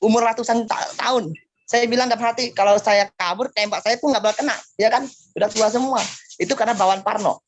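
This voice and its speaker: High-voiced man giving emphatic testimony. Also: steady tone, fast, a little hiss or hum. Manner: emphatic storytelling, rhetorical questions to listeners; acts out quoted speech in a lower voice. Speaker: guest giving personal testimony. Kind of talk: spoken testimony at a church fellowship meeting. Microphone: video call.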